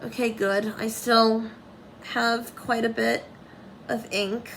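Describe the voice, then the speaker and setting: Slow, bright-voiced young woman doing makeup. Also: on the high side, flat delivery, slight background noise, poor audio. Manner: slow, rambling and self-commenting, with dry sarcastic asides. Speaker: makeup tutorial maker. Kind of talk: casual makeup tutorial.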